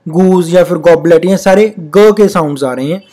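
A teacher gives a spelling lesson, reading rules slowly and deliberately, repeating example words, and explaining at a patient, steady pace. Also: medium pitch. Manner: reads English rules out slowly and deliberately, then explains in Hindi. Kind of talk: recorded classroom-style lesson.

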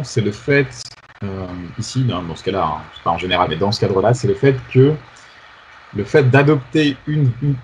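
A man's voice: lowish voice, slight background noise, rough recording. A male researcher answering interview questions in a conversational way, hesitant, with many fillers and restarts. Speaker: researcher guest.

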